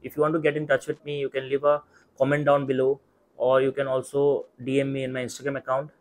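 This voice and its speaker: A young adult man with an Indian accent giving earnest, measured and reassuring advice straight to camera. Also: medium pitch, monotone, a little mellow. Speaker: YouTube mentor for medical exam students. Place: small indoor study room. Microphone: clip-on lapel mic.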